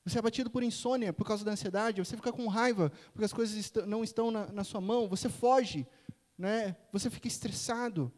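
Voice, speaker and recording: A man's voice: high-pitched, fast, darkish tone. A Brazilian man preaching a sermon as pastor, telling a family story with chatty asides and frequent tag questions. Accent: Brazilian Portuguese. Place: church sanctuary. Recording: echoey church hall.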